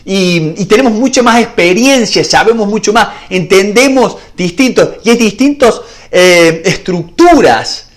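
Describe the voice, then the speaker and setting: A man's voice: high-pitched, expressive, unhurried, hardly any pauses. A man with a Rioplatense Spanish accent, a negotiation coach talking casually to viewers and acting out bits of dialogue. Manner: chatty, acts out quoted dialogue. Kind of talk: casual video talk to viewers.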